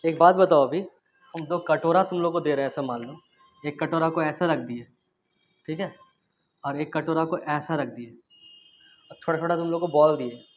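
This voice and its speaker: Man, physics teacher, classroom lecture, fairly high voice, casual, quizzes students, hands-on demo. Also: normal speed, pauses often, muffled recording.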